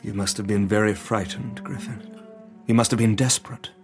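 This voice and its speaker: An actor with a British accent playing a measured, uneasy gentleman doctor, restrained and probing, in an audio drama. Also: lowish voice, steady tone, soft background music, close to an everyday voice. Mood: guarded.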